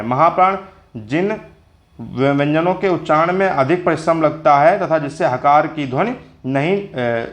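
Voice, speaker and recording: A man teaching Hindi grammar in a spoken lesson, explaining step by step and repeating each definition for his viewers. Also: on the high side. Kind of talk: slow spoken classroom lesson.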